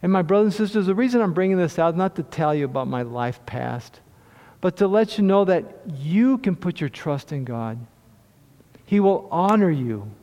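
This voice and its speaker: A man's voice: sits high, expressive, moderate pace, dark tone, big-room sound. A middle-aged man giving a sermon testimony, telling his story in a conversational way with frequent restarts. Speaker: lay preacher sharing testimony.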